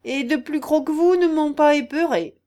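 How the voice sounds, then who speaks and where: A woman's voice: high voice, moderate pace, mellow, voice pushed up, lightly acted. A woman reading aloud, voicing an insolent, coldly defiant male peasant with a mocking manner.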